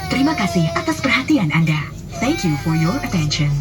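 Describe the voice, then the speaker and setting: A woman's voice: fairly low pitch, big pitch swings, brisk. Lady doing a flight safety demo, formal instructions, pretty melodic up and down delivery, music playing behind. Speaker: flight attendant announcer.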